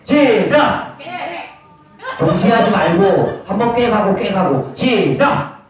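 A man leading seniors through a group game, giving brisk, repetitive instructions and calling out cues. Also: high-pitched, expressive, a crowd in the background. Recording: echoey dull room from far off.

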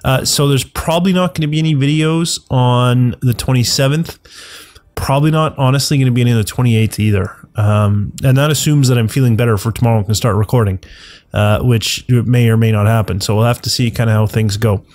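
Congested with the flu, this gaming channel host rambles through casual gameplay commentary, thinking out loud and fixing his own statements. His mid-range voice is a bit fast and slightly mellow, and the recording is dry.

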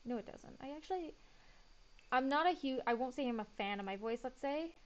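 A woman with a slightly high voice talks her way through a building game in loose, casual commentary. She thinks aloud, mutters and second-guesses herself as she goes. The recording is a little muffled and lo-fi. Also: animated, fairly quick. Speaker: gaming YouTuber.

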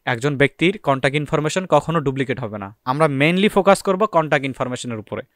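A man's voice: a little high, expressive, very fast, no echo, studio quality. A man teaching a screen-recorded data entry tutorial, explaining step by step and answering his own questions.

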